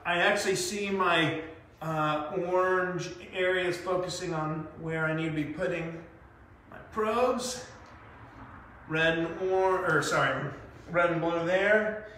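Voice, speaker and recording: A man's voice: high voice, fairly even intonation, slow, bright, forceful tone. A man in his thirties giving a casual, chatty demonstration of VR trade training, talking loosely with many fillers as he moves around. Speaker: sales presenter demonstrating VR training. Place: small carpeted-floor training room indoors. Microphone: far camera. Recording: echoey room, voice from a distance.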